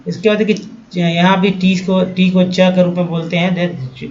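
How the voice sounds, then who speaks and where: A man's voice: sits high, steady tone, moderate pace, a little mellow, lo-fi sound. A man teaching English spelling and pronunciation from slides, explaining patiently step by step and often checking in with his viewers. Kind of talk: slide-based language lesson.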